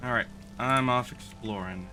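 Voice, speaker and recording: A man chatting casually over a game with a stream host, joking in a dry, deadpan way. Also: mid-range voice, normal speed. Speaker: guest streamer. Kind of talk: casual gaming chat.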